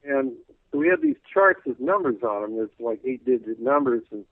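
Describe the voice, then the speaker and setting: Guy on the phone to a radio show, folksy rambling, voice going hoarse, tinny phone line. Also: mid-range voice, big pitch swings, moderate pace, dry recording. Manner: rambling, folksy, full of "you know". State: losing his voice, clearing his throat. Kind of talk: casual call-in radio interview. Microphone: telephone.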